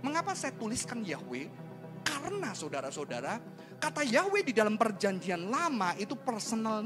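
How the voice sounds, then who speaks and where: Animated high-voiced male preacher. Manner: animated and conversational, rhetorical questions, slangy asides. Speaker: pastor. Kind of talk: sermon.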